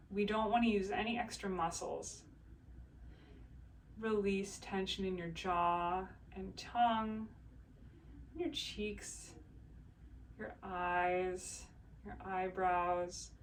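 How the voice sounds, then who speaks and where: A woman voice teacher calmly guiding a breathing exercise and body scan, in slow, soothing instructions. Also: mid-range voice, far from the mic, slight background noise.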